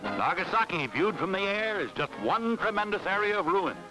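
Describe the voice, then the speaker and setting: A man's voice: sits high, big pitch swings, normal speed, over loud music, rough recording. A man narrating a 1940s newsreel in an emphatic, dramatic announcing manner.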